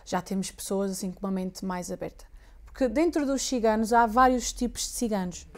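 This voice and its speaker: A woman's voice: mid-range voice, brisk, darkish tone, slight background noise. A woman speaking earnestly in an interview. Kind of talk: casual interview talk.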